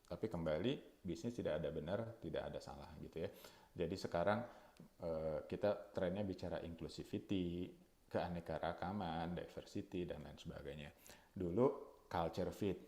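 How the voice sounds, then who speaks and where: A man speaking at a webinar in a conversational way, often adding filler tags and slowing down to stress key words. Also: low voice, dark tone. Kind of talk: webinar talk. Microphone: webinar mic. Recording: echoey room.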